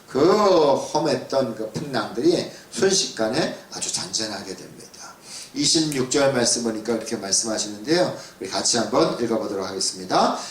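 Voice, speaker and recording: Pastor preaching from across a roomy church. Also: male voice, lowish voice, slight background noise. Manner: conversational preaching with rhetorical questions and acted-out quotes. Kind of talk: sermon. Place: church sanctuary. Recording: roomy sound from a distance.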